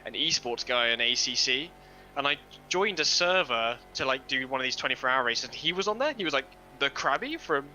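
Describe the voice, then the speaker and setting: A man's voice: mid-range voice, animated, brisk, bright, forceful tone, a little hiss or hum, low-quality recording. A man streaming a sim race, chatting casually on a headset, self-deprecating and swearing now and then. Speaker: streamer and sim racing driver. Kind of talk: casual chat while racing.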